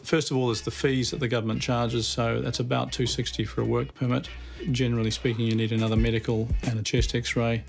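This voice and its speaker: Lawyer guy, flat gravelly voice, just matter of fact. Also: mid-range voice, a little fast, few pauses, soft background music. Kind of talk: interview answers.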